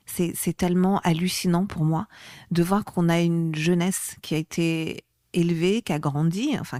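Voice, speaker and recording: Woman, lower register, impassioned guest, dead-dry studio mic. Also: a little mellow, no echo. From France. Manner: passionate, grows heated and emphatic. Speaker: activist guest. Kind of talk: interview conversation.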